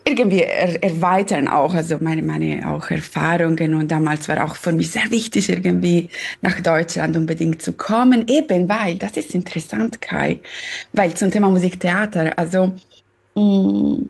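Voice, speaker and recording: A woman from Sicily with an Italian accent, a pianist talking haltingly as a guest over a video call from home. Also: on the low side, gravelly, darkish tone, husky. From Sicily, Italy. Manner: hesitant, searching for words, laughs often. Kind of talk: casual interview on video call. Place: her home.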